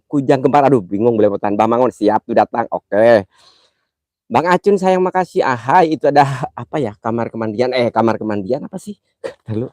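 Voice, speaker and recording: A man's voice: on the high side, darkish tone, dry recording, clean studio sound. A man hosting a live mystery-hunt stream outdoors in a cemetery at night. He talks in a playful, teasing, jokingly affectionate way, and his nose sounds stuffy from a cold. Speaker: livestream host.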